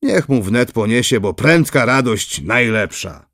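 A man's voice: medium pitch, animated, unhurried, fairly bright tone, dry recording, clean studio sound. A man doing a kindly fatherly old prince. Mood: benevolent. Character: older kindly prince, fatherly and gently teasing.

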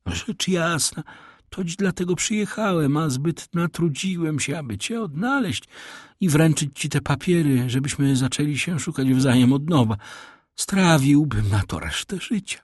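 A man's voice: fairly high pitch, animated, unhurried, slightly rough, no room sound, clean studio sound, pitched above the performer's own voice. A man voicing a solemn, pompous aging Italian major posing as a father, in an audiobook reading. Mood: solemn, sly. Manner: solemn, declaiming.

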